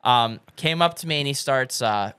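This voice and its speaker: Animated young man telling a story. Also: medium pitch, moderate pace, clear, resonant tone, no room sound, clean studio sound. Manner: animated storyteller, acts out quotes, laughs often. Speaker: podcast guest, musician. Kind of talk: casual storytelling chat.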